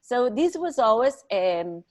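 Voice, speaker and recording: A woman's voice: fairly high pitch, very animated, takes it slowly. A middle-aged woman who speaks English as a second language, talking expressively and emphatically as a guest in a conversational podcast interview. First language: not English.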